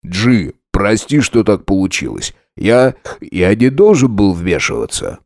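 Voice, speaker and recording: A man's voice: lowish voice, very animated, unhurried, a little mellow, dry recording, studio quality, exaggerated voice. A man voicing a loyal young friend who speaks earnestly and soothingly in an audiobook reading.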